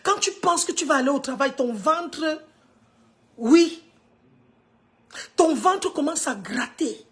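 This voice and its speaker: A woman in her fifties speaks with a Cameroonian French accent, her voice sitting a little high. She gives an earnest motivational talk to viewers of her live stream. Her delivery drops to hushed tones at some points and rises to emphatic ones at others. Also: lively intonation, slow, pauses often.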